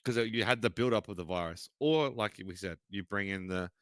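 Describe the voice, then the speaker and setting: Sweary guy in casual chat, low but bright and forceful voice. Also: fairly quick, clear, resonant tone, no room sound. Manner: blunt, swears a lot, trails off mid-sentence. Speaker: podcast co-host.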